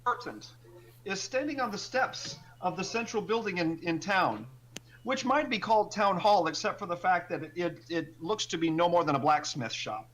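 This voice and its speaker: A man runs a tabletop role-playing game as game master. His voice is high and bright, and he narrates and explains haltingly. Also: a little hiss or hum, rough recording.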